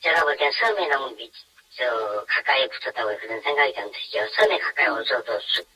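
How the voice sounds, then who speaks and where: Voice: mid-range voice, lively intonation, fairly quick, pushed and bright, breathy edge, poor audio. Electronically disguised voice of an anonymous caller. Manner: blunt, rhetorical questioning. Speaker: anonymous caller, former maritime safety worker. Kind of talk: phone-in interview.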